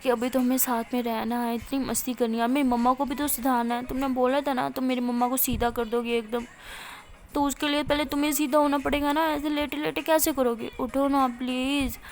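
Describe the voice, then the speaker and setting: Soft, coaxing, protective young woman, voiced by a female storyteller; fairly high voice. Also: level tone. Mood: tender, teasing.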